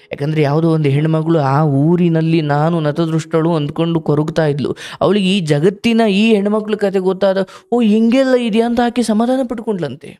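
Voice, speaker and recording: A man hosting a live call-in counseling show, giving fatherly spiritual advice to a caller and sometimes acting out what people say. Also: fairly high pitch. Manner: warm, fatherly, preaching advice with acted quotes.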